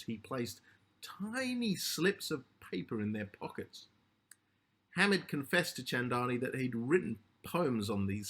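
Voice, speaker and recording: Reading a literary short story he wrote himself, a man narrates in measured, deliberate phrases. His voice is slightly husky, medium in pitch, and fairly bright.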